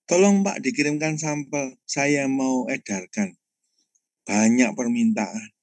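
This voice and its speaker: A man's voice: medium pitch, slow pace, no room sound, natural voice. A male pastor voicing an eager male supplier's driver calling him on the phone, in a raised voice. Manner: excited, eager phone talk.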